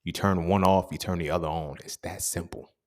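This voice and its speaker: A young man with a fairly low voice talks straight to his listener in a loose, profane monologue. He drives his points home with emphasis and keeps asking whether you feel him. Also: fairly even intonation, fairly quick, a little mellow. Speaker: podcast host. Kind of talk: casual motivational monologue.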